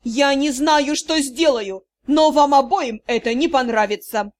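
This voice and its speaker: A woman's voice: high voice, unhurried. A woman voicing a domineering noble mother-in-law who hisses curt orders, in an audiobook reading. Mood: threatening. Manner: commanding, clipped orders. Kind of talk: audiobook character voice.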